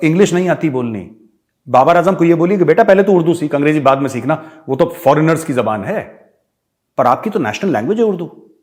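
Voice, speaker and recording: A middle-aged Indian man with an Indian accent giving a forceful, rhetorical opinion monologue as a show host, moving between English and Hindi. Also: mid-range voice.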